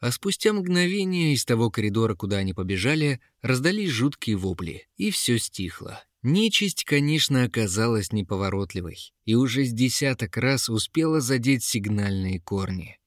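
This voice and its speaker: A man's voice: medium pitch, sing-song, normal speed, hardly any pauses, no echo, studio quality. Man narrating a fantasy audiobook.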